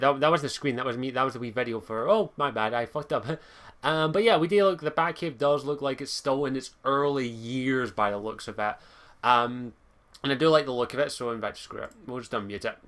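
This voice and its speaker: A man's voice: medium pitch, a bit bright. A young man giving a chatty, rambling commentary on a game trailer from his computer at home, swearing casually as he talks. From Scotland. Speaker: gaming video host.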